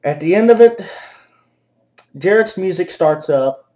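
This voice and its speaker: A man rants through a wrestling show review, exasperated and swearing freely. His voice sits high for a man, and the sarcasm comes through. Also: expressive, measured pace, dark tone. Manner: exasperated and profane. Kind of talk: angry ranting commentary.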